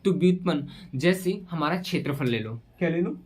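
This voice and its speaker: A man teaching a physics lesson at a whiteboard, asking questions and answering them himself, repeating key terms slowly. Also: fairly high pitch, lively intonation, husky. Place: room with a whiteboard.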